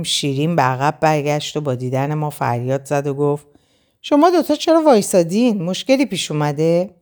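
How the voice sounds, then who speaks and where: A woman reads a first-person novel aloud as narrator, telling the story with expression. Her voice is low for a woman, yet her pitch moves widely and keeps the telling animated. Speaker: audiobook narrator.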